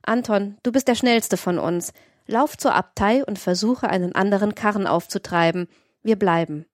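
Lady playing an old carter guy bossing his crew around, calm but firm, dry audiobook read. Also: mid-range voice, moderate pace, dry recording, lightly acted. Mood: commanding. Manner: commanding, calm instructions. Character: old male carter, leader of the crew, level-headed.

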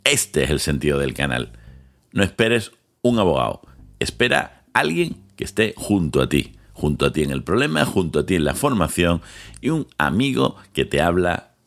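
Deep-voiced man hosting a podcast. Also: big pitch swings, creaky, soft background music. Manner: dramatic pauses, swings between slow emphasis and quick lists. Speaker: podcast host, lawyer. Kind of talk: podcast introduction monologue. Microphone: studio microphone with headphones.

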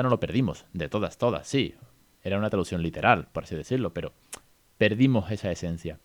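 Chatty Spanish man, low voice. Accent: Spain Spanish. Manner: chatty, animated, many tag questions. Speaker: podcast host teaching English to parents. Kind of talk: casual podcast lesson.

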